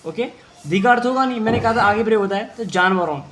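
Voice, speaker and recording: A man teaching an English story in Hindi, reading the English slowly word by word and then explaining each word's meaning, answering his own questions as if he were a student. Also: high-pitched, a bit bright.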